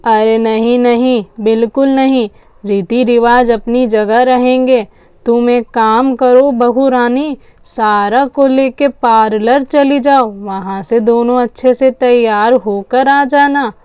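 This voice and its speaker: A woman voicing an elderly grandmother in a doll story, speaking slowly and soothingly. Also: fairly even intonation, darkish tone, clear, resonant tone, no echo. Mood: calm. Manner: slow, soothing, low-voiced. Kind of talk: storytelling with dolls.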